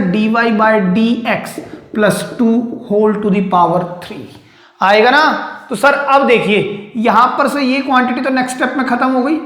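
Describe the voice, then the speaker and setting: A woman teacher with a fairly high voice works through math problems step by step and keeps checking that her class follows. She is recorded in an echoey room. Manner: explains step by step, often checks "clear?".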